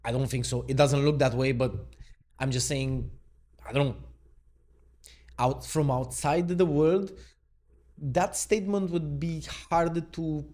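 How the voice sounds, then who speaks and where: A man's voice: a little high, steady tone, measured pace, long pauses, a little mellow. A man, a mindset coach, thinking aloud in an unscripted reaction video, laid-back and questioning as he goes. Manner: musing, thinks aloud and questions what he reads.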